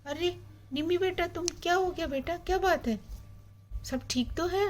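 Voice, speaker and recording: A woman's voice: extremely high pitch, moderate pace, a little mellow. A woman voicing a kindly village father in a children's doll story, speaking in a soothing, reassuring way.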